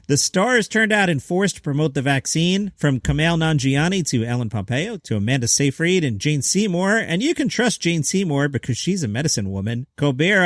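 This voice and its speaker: Dry-sounding, higher-pitched man reading comedy news. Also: dry recording. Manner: wry, chatty, with rhetorical questions and muttered asides. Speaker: host of a daily comedy news show. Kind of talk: scripted comedy news commentary, reading quotes aloud.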